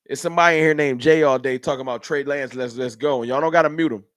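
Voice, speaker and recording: He's from Dallas, Texas, hosting a live sports fan stream and arguing with his chat in an animated, heated rant. The man's voice is mid-range and quick-paced, and the recording is dry.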